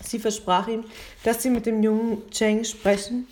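Woman reading a kids' story out loud, steady and measured. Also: on the high side.

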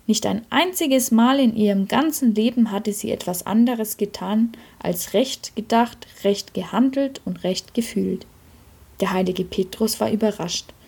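A woman reads a short tale aloud in a storybook manner. Her voice is dark and a little husky. She lifts it for the quoted lines. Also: mid-range voice. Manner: lively acted quotes in a raised voice. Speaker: reader.

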